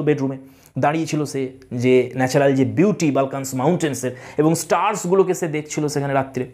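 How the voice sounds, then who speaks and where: A woman tutor explaining a play line by line, reading each English line slowly and then explaining it. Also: mid-range voice, a little mellow.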